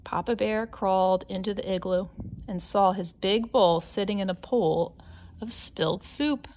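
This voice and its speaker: A woman's voice: medium pitch, a little slow, a little mellow, a little hiss or hum. A woman reading a children's picture book aloud as a scripted narration. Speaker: storybook reader.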